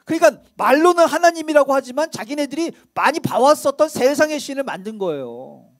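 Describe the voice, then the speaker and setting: A man's voice: extremely high pitch, animated, brisk. A male pastor preaching a sermon in a church, speaking conversationally and quizzing the congregation with rhetorical questions. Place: church sanctuary.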